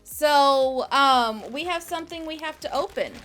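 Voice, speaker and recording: A young woman with a high voice talks casually to her stream viewers. She rambles with plenty of fillers and coos sweetly at her dog. Faint music plays in the background. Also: measured pace, a bit bright. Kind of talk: casual livestream chat.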